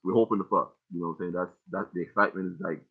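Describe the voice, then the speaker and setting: Through tinny, phone-like audio, a young rapper rambles through an explanation of his song lyrics line by line, swearing freely and heavily. His deep, gravelly voice races along with fairly even intonation.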